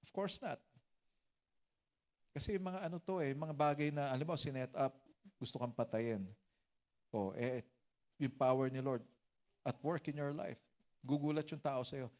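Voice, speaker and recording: A man's voice: medium pitch, a little slow, pauses often, darkish tone. A man with a Filipino accent preaching a sermon as pastor, mixing teaching with humorous stories and joking asides.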